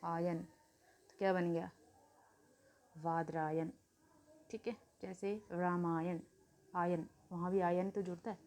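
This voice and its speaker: A woman teaching a grammar lesson to students, repeating key words slowly, asking questions and answering them herself, and telling the children to write things down. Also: fairly low pitch, flat delivery, darkish tone. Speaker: Hindi teacher.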